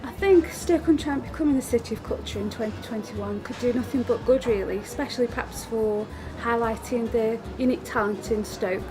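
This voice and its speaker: A woman's voice: fairly high pitch, fairly quick, hardly any pauses, poor audio. A woman giving a tentative answer in an interview. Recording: clear music behind.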